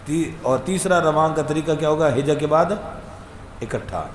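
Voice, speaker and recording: A man teaching Quran reading, explaining in Urdu, chanting letter sounds in a slow sing-song and quizzing his listeners. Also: on the high side. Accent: Pakistani Urdu. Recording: echoey room with faint ambient noise.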